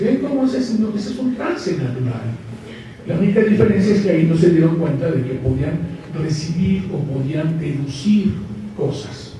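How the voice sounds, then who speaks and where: A man's voice: a little high, warm tone. A man giving a live conference lecture, joking and asking the audience questions. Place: large lecture hall. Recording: echoey hall, mic far off, faint hiss.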